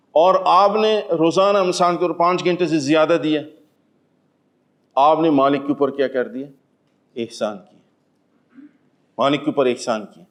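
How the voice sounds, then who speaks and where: A man giving a spoken religious lesson to an audience. He poses questions and answers them himself with everyday examples, swinging between raised emphatic lines and low, quiet asides. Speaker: Islamic teacher giving Quran commentary.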